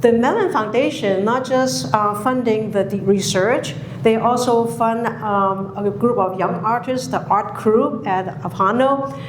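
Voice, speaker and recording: A woman who grew up in Hong Kong, giving a public talk, speaking slowly with many pauses and fillers. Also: fairly high pitch, slight background noise. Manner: slow, halting, many fillers. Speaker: guest speaker. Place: lecture hall. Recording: echoey hall recording.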